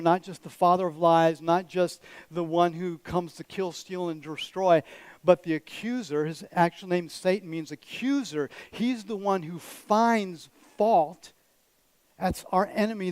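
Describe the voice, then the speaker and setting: A man's voice: sits high, unhurried, darkish tone, no room sound. A man preaching a sermon as a pastor, direct and conversational, with teasing asides to the congregation. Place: church.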